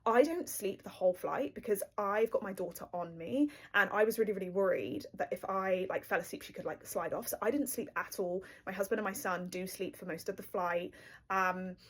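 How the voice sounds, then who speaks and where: A woman's voice: medium pitch, fairly quick. A young woman from the UK telling her story in a casual, breathless rush, with lots of fillers. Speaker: storyteller recounting her marriage.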